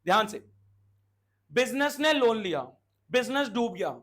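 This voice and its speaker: A man with a very high-pitched, animated, somewhat bright voice lectures on commerce. He questions the class as he explains and scolds his students in a brisk way.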